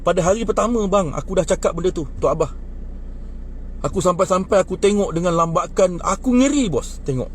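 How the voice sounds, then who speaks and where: This fairly quick male speaker, in his 20s with a Malaysian Malay accent, is chatting casually outdoors by a bus stop and getting indignant about politics. Short on sleep but animated, he rises in pitch when worked up; a little hiss or hum is audible.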